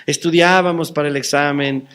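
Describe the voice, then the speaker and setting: A middle-aged man preaching a sermon to a congregation, passionate, swinging between loud emphatic lines and soft, near-murmured ones. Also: on the high side, steady tone, normal speed, clear, resonant tone. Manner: acts out quoted voices within the preaching. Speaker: pastor. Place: church hall before a congregation.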